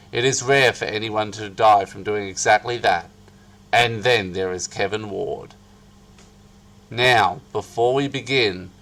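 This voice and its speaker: A man narrating an article as a dramatic reading, with theatrical, hammy emphasis and drawn-out key phrases. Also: on the low side, a bit bright.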